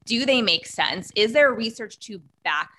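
A woman's voice: a little high, lively intonation, a little slow, pushed and bright, slight background noise. A woman guest expert explaining earnestly in casual conversation, with frequent fillers.

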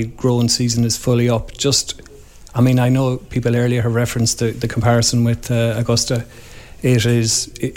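A man's voice: medium pitch, darkish tone. An Irish man giving informal commentary as a sports editor in a live radio interview.

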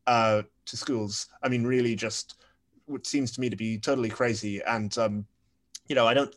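A young man, a podcast guest, talking through his points wryly with many fillers. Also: medium pitch. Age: young adult. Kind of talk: panel discussion.

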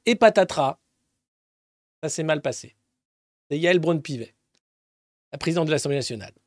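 High-voiced sarcastic male press host. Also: normal speed, no room sound, studio quality. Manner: mocking, swears freely, swings between loud and muttered asides. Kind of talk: casual sarcastic press commentary.

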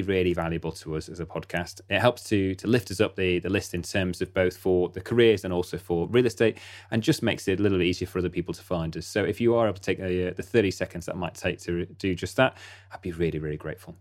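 A man's voice: low-pitched, quick pace. A man hosting a podcast, opening the episode in a rambling way with repeated words. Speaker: podcast host. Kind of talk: podcast host intro.

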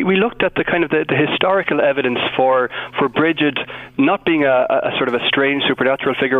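Radio interview guest: young male, west of Ireland accent, discursive and conversational, thin telephone-like sound. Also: medium pitch. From Galway, west of Ireland. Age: young adult. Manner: explanatory, discursive. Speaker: interview guest, Dominican friar. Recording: phone-like narrow band.

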